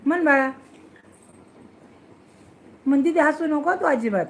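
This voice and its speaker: A woman's voice: high voice, unhurried, background noise. A woman in a casual home video, coaxing and playfully scolding children as she teaches them, recorded on a phone indoors at home. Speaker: family member teaching children.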